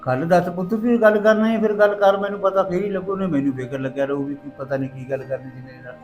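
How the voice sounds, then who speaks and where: A weary rural father, acted by a man, coaxing and defensive. His voice sits a little high for a man. Faint music runs under the scene. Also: steady tone, fast, natural voice. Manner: coaxing, then pleading and defensive.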